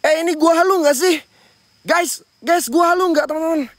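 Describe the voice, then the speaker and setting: A man's voice: very high-pitched, moderate pace, a bit bright, no room sound. A man hosting a night ghost-hunting vlog outdoors near a sacred tree, jumpy and frightened as he talks to his viewers. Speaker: paranormal explorer and host.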